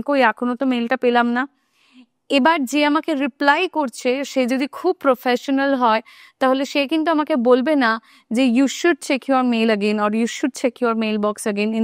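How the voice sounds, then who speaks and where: Woman, English teacher, smooth crisp voice, dry close sound, slow careful English examples. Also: on the high side, no echo. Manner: slow careful English examples inside quick Bengali explanations; checks in often with listeners. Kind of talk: video lesson explaining English phrases in Bengali.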